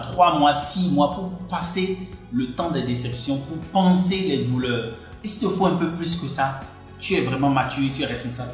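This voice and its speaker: A man from Benin, earnestly coaching the listener on relationships in a direct-to-camera talk. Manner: earnest, addresses the listener directly, emphatic pitch jumps. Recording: very echoey room with faint music.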